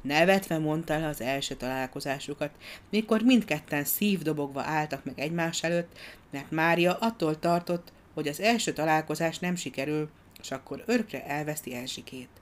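Woman narrator with a low voice, reading a children's storybook expressively, measured delivery. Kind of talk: audiobook narration.

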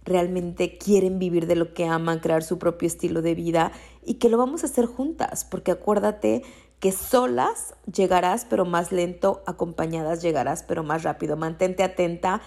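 Woman, Mexican accent, low-pitched, vocal fry, motivational podcast coach, encouraging, repeats phrases. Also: fairly even intonation, normal speed, a little mellow. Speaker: coach for women entrepreneurs.

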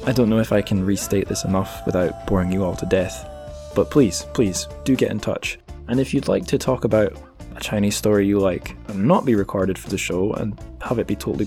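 This podcast host has a lowish, darkish voice. He ends his solo show casually, rambling in a jokey, self-deprecating way while plugging the podcast.

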